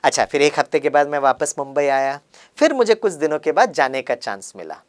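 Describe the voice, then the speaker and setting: Lively man telling a spiritual story. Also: on the high side, a little fast. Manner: acts out dialogue in lively voices; mixes English words into Hindi. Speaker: spiritual speaker. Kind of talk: storytelling sermon.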